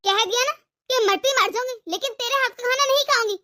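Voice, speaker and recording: A woman's voice: extremely high pitch, fast talker, pushed and bright. A woman voicing a stubborn, domineering older mother-in-law in a cartoon, scolding and threatening. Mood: defiant. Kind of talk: cartoon voice acting.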